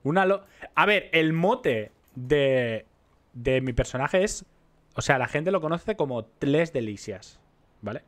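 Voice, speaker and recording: A man's voice: medium pitch, lively intonation, slow pace. A young man with an accent from Spain, rambling and joking with viewers in casual gameplay commentary. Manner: rambling, self-mocking, chatty with viewers. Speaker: roleplay streamer.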